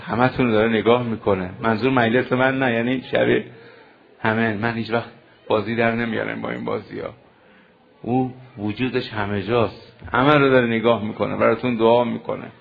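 A man leading a religious mourning sermon, speaking straight to the gathering and moving into slow chanted lament. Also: medium pitch, steady tone, gravelly, lo-fi sound. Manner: moves from spoken storytelling into slow chanted lament; addresses the gathering directly. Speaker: mourning preacher.

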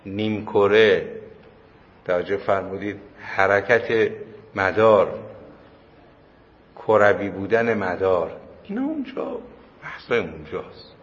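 A man's voice: low-pitched, a bit bright. A man giving a religious lecture to a class in a casual, conversational way, telling anecdotes and repeating his points for emphasis. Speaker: cleric lecturer. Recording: muffled hall recording with faint noise.

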